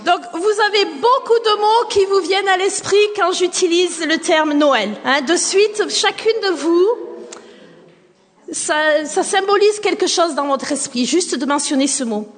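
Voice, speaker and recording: A woman's voice: very high voice, measured pace. A woman from southern France with a faint southern French accent, leading a group and asking questions, then repeating the answers back. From southern France, near Nîmes. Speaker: speaker leading a group activity. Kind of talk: lively group talk with questions. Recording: long hall reverb.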